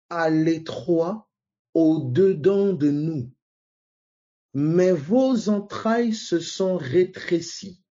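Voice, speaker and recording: Male preacher, slow and repetitive, mellow tone, dull muffled recording. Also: mid-range voice, slightly rough. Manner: slow, repeats and asks the listeners "vous voyez?" often. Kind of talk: sermon teaching.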